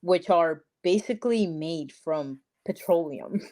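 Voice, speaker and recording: Young woman guest, from Peru, low-pitched, emphatic, casual podcast chat. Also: slow pace, mellow. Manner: chatty, emphatic, says literally and like a lot.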